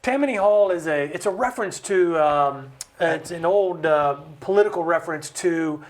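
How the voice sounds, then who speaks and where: An American man speaking as a studio interview guest. He explains with passion and acts out other people's voices with big swings in pitch. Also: moderate pace. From United States. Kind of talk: impassioned conversational explanation. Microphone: studio mic.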